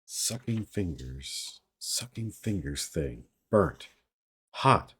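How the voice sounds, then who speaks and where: A man's voice: low voice, expressive, very slow, a bit bright, husky, exaggerated voice. A man voicing an earnest, simple young male watchman who guesses eagerly and sounds puzzled, in a read-aloud story. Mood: eager guessing.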